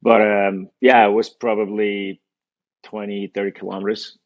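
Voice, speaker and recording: Man from Denmark, native Danish speaker, middle-aged, low pitch, gravelly, relaxed, thoughtful. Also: normal speed, dull audio. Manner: relaxed, thoughtful, frequent fillers. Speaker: guest, company founder. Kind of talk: casual interview conversation.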